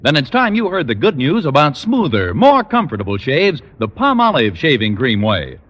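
A man announcing on an old broadcast disc in a polished 1950s radio style, with an emphatic sales pitch. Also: huge pitch swings, normal speed, a bit bright, dull audio. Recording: old broadcast disc, reverberant, music behind.

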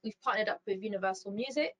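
A woman's voice: mid-range voice, fast, fairly bright tone, rough recording. A young woman guest speaking about her work in a thoughtful, casual way, with many ums and likes. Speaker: founder and CEO, guest. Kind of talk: casual interview chat.

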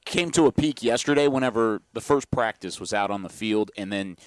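A man's voice: on the low side, brisk, no room sound. A man hosting a casual sports podcast who recaps events and poses questions to his co-hosts. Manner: steers the talk, sets up questions. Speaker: podcast host.

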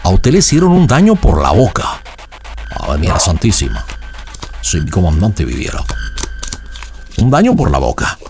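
A man's voice: low-pitched, wildly swooping pitch, normal speed, vocal fry, pauses often, heavily acted. A man playing a dramatic psychic who reads cards and shells, asking sing-song leading questions. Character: theatrical male psychic reading cards and shells. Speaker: fortune teller on a call-in. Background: background music.

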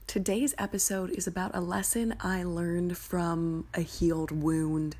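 Loud music plays behind this podcast host, whose fairly low voice stays flat and unhurried. She recounts personal stories in a candid, informal, confessional style, sprinkled with casual swearing.

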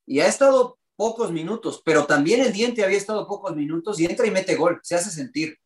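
Man, opinionated football talk, high voice, roomy echo. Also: expressive, brisk, far from the mic. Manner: opinionated, makes his case point by point. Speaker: football podcast panelist. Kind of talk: casual sports chat. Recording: roomy, echoey room sound.

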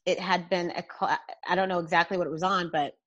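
Female interview guest, very low pitch, candid and halting, on a dry, slightly muffled recording. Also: steady tone, a bit bright, no room sound. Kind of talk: personal testimony in conversation. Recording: dull, lo-fi, close dry sound.

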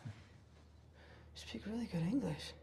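A man's voice: high-pitched, animated, measured pace, creaky, a little mellow, a little hiss or hum, exaggerated voice. A young man playing a nervous, polite teenage boy, hesitant and stammering, in a film. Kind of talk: naturalistic film acting. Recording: film audio with music behind.

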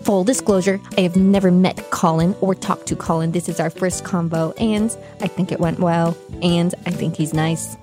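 A woman hosting a podcast in a casual chat, with a wry, playful, deadpan humor. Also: on the low side, moderate pace, few pauses, music in the background. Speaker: podcast host.

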